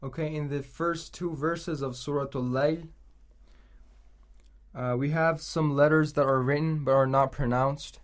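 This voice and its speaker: A man teaching Quran recitation, patiently explaining pronunciation letter by letter and reciting verses aloud for repetition. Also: mid-range voice.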